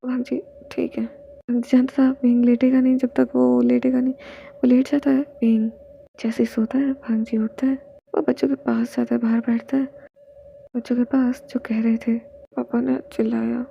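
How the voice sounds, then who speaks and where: A woman's voice: a little high, little pitch movement, normal speed, creaky. A woman narrating a romance fanfiction, voicing every part herself and often dropping to a whisper. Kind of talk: storytelling, reading all parts aloud. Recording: dull lo-fi sound with faint noise.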